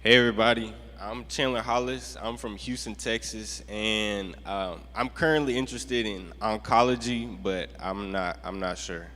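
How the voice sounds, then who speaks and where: A man's voice: on the low side, normal speed, few pauses, pushed and bright. A young man student introducing himself, hesitant and unsure. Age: young adult. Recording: long hall reverb.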